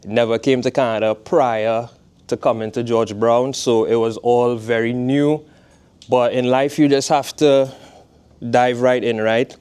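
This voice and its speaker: A footwear designer in his twenties from Trinidad gives a guest talk to a college class, laid-back and conversational, with a Trinidadian accent and frequent "you know what I mean" asides. His medium-pitched voice is smooth, steady and a little mellow, and he is unhurried.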